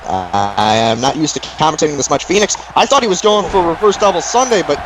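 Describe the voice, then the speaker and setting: A man with a slightly high voice calls a wrestling match live as a commentator. He exclaims at the moves and counts near falls, over clear background noise from the venue. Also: expressive, quick pace.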